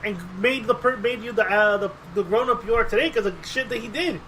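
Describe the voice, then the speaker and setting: In a casual podcast chat, a co-host with a high-pitched voice talks briskly, rambling and cursing as he tells animated stories and acts out the quotes. The recording is low quality, with some slight background noise.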